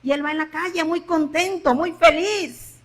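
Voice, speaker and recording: A woman pastor with a Mexican Spanish accent preaching a sermon, swinging between loud emphasis and hushed drops and repeating phrases for emphasis. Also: high-pitched, steady tone, a little fast.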